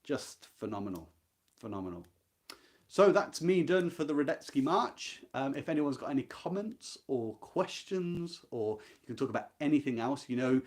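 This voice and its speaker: The speaker is a man whose mid-range voice has a darkish color. He hosts a live, informal book club talk on a classic novel, coming across as thoughtful, sincere and emphatic.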